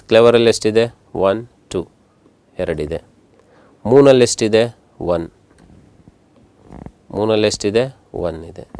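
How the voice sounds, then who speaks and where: Slow, patient Kannada-accented male teacher. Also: on the low side, a little mellow, clear, resonant tone. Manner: slow, patient, repeats words and counts syllables aloud; mixes Kannada with English terms. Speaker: English grammar teacher. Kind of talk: classroom lesson explaining syllables.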